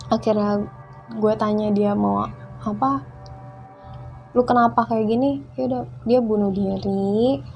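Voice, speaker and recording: A young woman, a guest in casual conversation who tells her story lively and acts out the dialogue. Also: mid-range voice, measured pace, creaky, pauses often, highs cut off, faint music behind.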